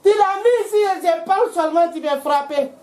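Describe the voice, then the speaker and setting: A woman's voice: very high-pitched, a little fast, a little mellow, far from the mic. A woman playing a distraught young woman of the household who pleads and repeats herself on the edge of tears, in a film scene. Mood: distressed. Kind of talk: African film acting. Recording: echoey room.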